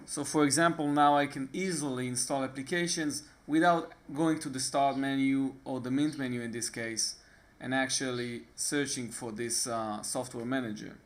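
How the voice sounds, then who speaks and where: A man from Israel guides viewers through a computer tutorial captured on screen, speaking casually with an Israeli accent. He hesitates often, leaning on fillers and restarting his sentences. His mid-range voice keeps a fairly even intonation.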